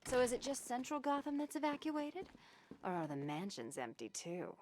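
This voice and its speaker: A woman's voice: on the high side, wildly swooping pitch, normal speed, a little mellow, a little hiss or hum. A woman voice-acting a sly, flirtatious female thief in a video game, teasing and sardonic. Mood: teasing, wry.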